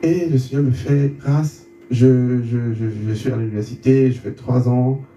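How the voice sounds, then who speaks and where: A man from Côte d'Ivoire, an interview guest, gives his testimony, stumbling over repeated words and acting out the dialogue in his story. His mid-range voice is warm, fairly even in intonation, and a little slow. The sound is roomy, with a distant mic and a faint background hum.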